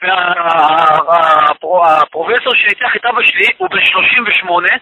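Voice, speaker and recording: A man's voice: high-pitched, a crowd in the background, rough recording. A man giving an emotional personal testimony, repeating phrases for emphasis and weaving religious expressions into his speech. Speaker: guest telling a personal story.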